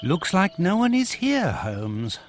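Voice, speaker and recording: An actor playing a proper, flustered gentleman doctor in a video game, kindly and easily indignant. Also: sits high, huge pitch swings, slow, exaggerated voice. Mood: uneasy. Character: indignant, kindly English gentleman doctor, adult male sidekick. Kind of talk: video game cutscene acting.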